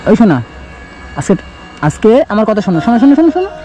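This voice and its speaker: A man's voice: sits high, sing-song, racing, soft background music. A man vlogging outdoors with his small daughter, coaxing and doting on her in casual talk. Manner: coaxing, doting, talks softly to a small child. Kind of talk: casual vlog talk to a child. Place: outdoors in tree shade on a hot day.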